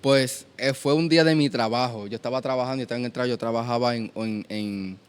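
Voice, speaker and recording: A man in his twenties giving an earnest, halting testimony in a conversation. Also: medium pitch, steady tone, clear, resonant tone. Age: 20s. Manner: earnest, storytelling with many restarts. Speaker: guest.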